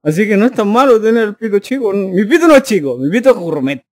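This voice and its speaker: Man, streamer, joking, talking to chat, high voice, dry sound. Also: lively intonation, quick pace, no echo. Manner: joking, teasing, addressing chat directly. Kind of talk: casual live-stream chat.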